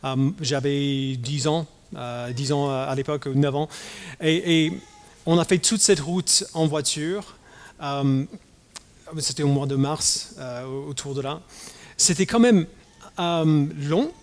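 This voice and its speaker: A man from the United States preaching a sermon as pastor, talking haltingly with many fillers and restarts. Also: on the high side. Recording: long hall reverb.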